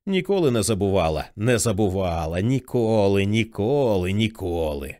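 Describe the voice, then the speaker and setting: A man reading the lines of a quiet, earnest young man in an audiobook. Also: lowish voice, very animated, moderate pace, dry recording, clean studio sound, voice pushed down. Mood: insistent.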